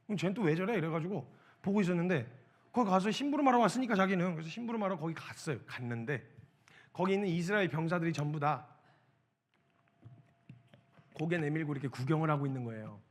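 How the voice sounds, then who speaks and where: Man preaching, high voice, lively swooping delivery, bright tone, acts out dialogue. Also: quick pace, long pauses. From South Korea. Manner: animated storytelling, acts out dialogue with shouts. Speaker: missionary preacher. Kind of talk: sermon to students.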